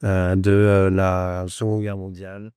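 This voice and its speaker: A man voicing a dull male history teacher who drones along flatly and keeps stalling on ums. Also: low-pitched, a little slow, smooth, no room sound, studio quality, voice pushed down. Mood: droning. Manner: droning, flat, hesitant with many ums.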